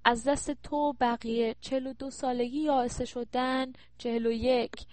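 A woman's voice: on the high side, fairly even intonation, darkish tone, no room sound, voice pushed up, lightly acted. A woman narrator voicing an irritable, complaining middle-aged woman in an audiobook. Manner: snappish, complaining.

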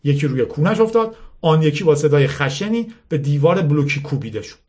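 Steady male audiobook narrator. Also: a little high. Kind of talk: reading a novel aloud.

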